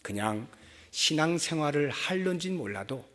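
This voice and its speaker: Pastor guy preaching, high voice that leaps all over, big church echo. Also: lively intonation, moderate pace. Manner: swings from loud preaching to near whispers. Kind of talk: sermon. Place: church sanctuary. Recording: long church hall reverb.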